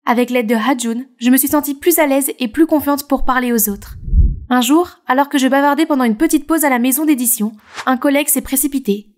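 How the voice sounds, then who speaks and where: A woman voicing a shy young webtoon artist who narrates her own story in an animated dub, with expressive storytelling. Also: high voice, brisk, lightly acted. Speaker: narrator and heroine.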